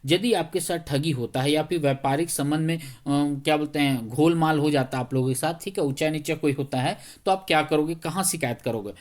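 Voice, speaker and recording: A male teacher, a little under the weather, talking slowly through exam questions in a conversational way and often checking whether students follow. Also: on the high side. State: slightly unwell, speaking slowly.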